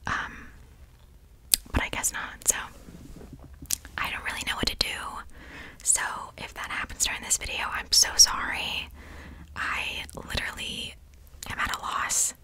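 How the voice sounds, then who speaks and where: A woman's voice: measured pace, pauses often, sharp tone. Young woman whispering casual ASMR. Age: young adult. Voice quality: breathy whisper. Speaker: ASMR creator. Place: small indoor bedroom. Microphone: large desktop condenser microphone, very close.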